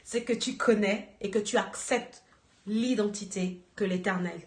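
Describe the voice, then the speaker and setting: A woman giving an earnest church exhortation, slow and searching for words. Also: medium pitch, noisy background. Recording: echoey room.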